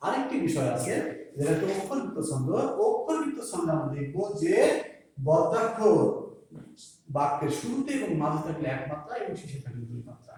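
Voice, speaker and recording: A male school teacher with a Bangladeshi Bengali accent, patiently explaining poetry meter and counting syllables aloud slowly. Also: a little high, very animated, darkish tone. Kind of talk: classroom lesson on poetry meter. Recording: echoey room, voice a bit far from the mic.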